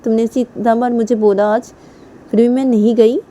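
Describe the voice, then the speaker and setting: A woman's voice: fairly high pitch, flat delivery, normal speed, warm tone, natural voice. A woman voicing a young woman who pleads with her angry girlfriend in a whiny, repetitive way. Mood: pleading. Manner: pleading, whiny, repeats "what is it".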